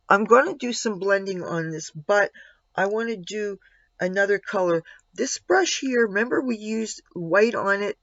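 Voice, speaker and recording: High-pitched, slightly gravelly man, casual makeup tutorial. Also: fairly bright tone, no room sound. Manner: step-by-step self-narration with candid asides. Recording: dull, lo-fi sound.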